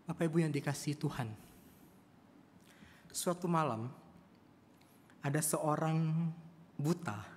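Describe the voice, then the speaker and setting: A man's voice: fairly high pitch, slow, long pauses, a little mellow, a little hiss or hum. A male preacher telling a story in a church sermon, often addressing the congregation. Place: church service. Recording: long church hall reverb.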